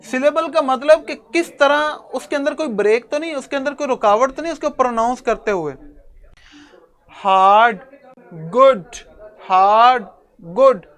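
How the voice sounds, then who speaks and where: A man teaching an English grammar lesson to a class, explaining step by step and addressing his students fondly. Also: extremely high pitch. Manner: chuckles now and then.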